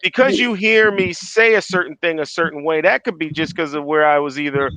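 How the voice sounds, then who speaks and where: A man's voice: a little high, a little fast, sharp tone, clean tone, no room sound, low-quality recording. A man from Philadelphia, a guest in a casual conversation, who often repeats his first words as he starts sentences.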